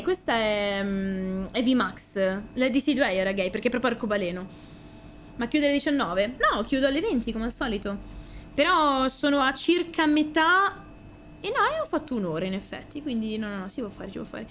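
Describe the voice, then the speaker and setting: Young Italian woman, high lively voice, excitable, swears a lot, faint background hiss. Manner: excitable, squeals and shouts at pulls, swears often. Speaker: streamer. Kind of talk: casual card-opening stream chat.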